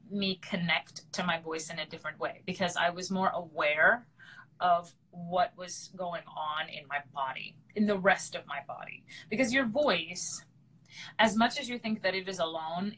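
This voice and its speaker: A woman's voice: fairly low pitch, normal speed, a bit bright, breathy edge, low-quality recording. A woman opera singer, a guest in a live online interview, explaining things earnestly and repeating her points for emphasis.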